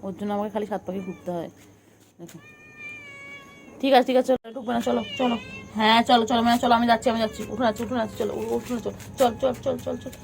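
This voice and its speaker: A woman's voice: fairly high pitch, fairly even intonation, fast talker, vocal fry, noisy background. A woman, cooing at her pet cat in baby talk and scolding it playfully, repeating words again and again. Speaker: pet vlogger.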